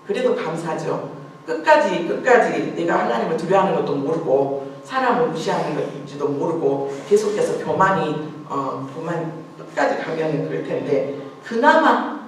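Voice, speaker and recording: A woman pastor preaching a sermon in a church, telling a story earnestly with rhetorical questions and repeated phrases. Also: sits low. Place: church sanctuary. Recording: very echoey hall, voice from far off, faint hiss.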